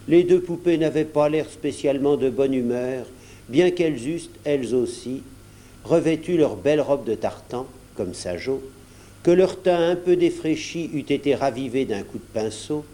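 A man narrating a children's storybook aloud in an expressive, varied storytelling manner. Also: mid-range voice. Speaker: audiobook narrator. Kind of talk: storybook read aloud from cassette.

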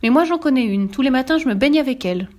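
A woman's voice: sits high, animated, fast, a little mellow, voice pushed up. A woman voicing an earnest, eager young prince in a read-aloud storybook, sometimes indignant. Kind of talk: storybook reading.

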